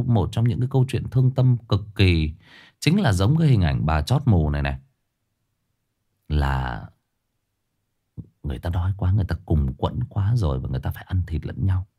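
A man telling a tragic true story to his listeners in a casual spoken style, with sudden high emphatic bursts and low somber drops. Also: dark tone, breathy edge. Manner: addresses listeners directly, casual with restarts.

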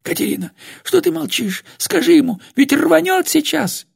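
A man voicing a frantic old woman who pleads and shrieks in a strangled, hoarse voice. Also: sing-song, normal speed, exaggerated voice. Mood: panicked. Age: older. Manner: shrill pleading and yelling. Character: panicked old woman, housekeeper, fussy.

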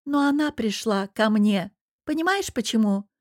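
A woman's voice: fairly high pitch, animated, moderate pace, no room sound, studio quality. A woman reading the lines of a hurt, defiant young wife who answers sharply and mockingly.

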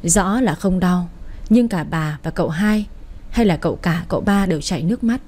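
Mellow-voiced woman storyteller. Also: fairly low pitch, moderate pace. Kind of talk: scripted story narration.

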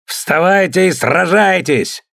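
A man voicing a big, brawling male warrior in an audiobook, shouting battle cries. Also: fairly high pitch, big pitch swings, very slow, creaky, pitched above the performer's own voice, exaggerated voice. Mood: roaring.

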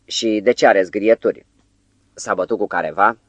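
Man voicing a calm doctor, measured questions, deep voice, dry close sound, storybook reading. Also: dry recording, muffled recording, lightly acted. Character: calm, composed male psychiatrist.

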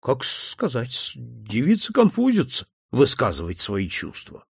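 A man's voice: mid-range voice, wildly swooping pitch, measured pace, gravelly, slightly rough, dry recording, clean studio sound, voice pushed down, full character voice. A man voicing a bashful young groom who mumbles hesitantly. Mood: sheepish.

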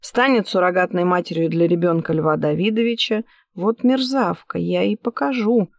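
A woman's voice: fairly low pitch, moderate pace, no room sound, close to an everyday voice. A woman reading an audiobook voices a young, jealous and defiant mistress who keeps raising her voice in heated protest. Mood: indignant. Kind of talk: audiobook character voice.

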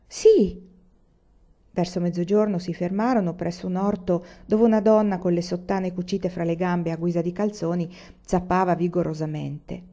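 A woman narrating a novel in a measured, unhurried audiobook reading, on a dull lo-fi recording. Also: on the low side, fairly even intonation, dark tone. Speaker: audiobook reader.

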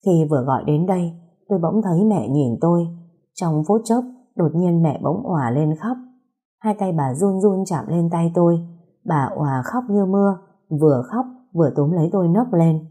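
A woman narrating a first-person story in a steady, somber storytelling manner. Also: lowish voice, normal speed, husky.

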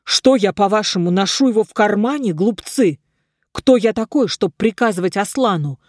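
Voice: medium pitch, expressive, normal speed, a little mellow, no echo, clean studio sound, close to an everyday voice. A reader voicing a proud young king who speaks in a commanding, indignant way in a storybook.

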